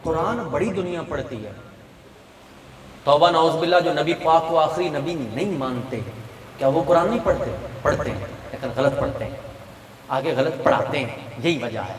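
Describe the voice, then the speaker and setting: A man preaching a sermon in Urdu with a Punjabi accent, emphatic, swinging from soft asides to shouted points. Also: a little high, slight background noise. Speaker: Islamic preacher. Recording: echoey hall, voice from far off.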